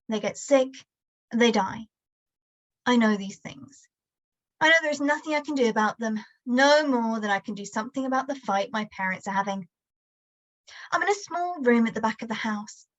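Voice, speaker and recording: A woman author reading her own prose aloud in a measured, quiet first-person narration. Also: a little high, highs cut off.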